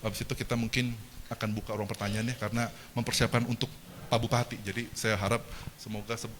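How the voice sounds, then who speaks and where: A man giving a lively seminar lecture, asking the audience questions and joking with them. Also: lowish voice, fast talker, background noise. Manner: animated, engages the audience with questions and jokes. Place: lecture hall.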